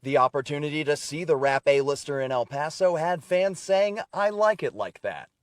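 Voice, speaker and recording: A man's voice: a little high, lively intonation, moderate pace. A man delivering a wry scripted news report from the field.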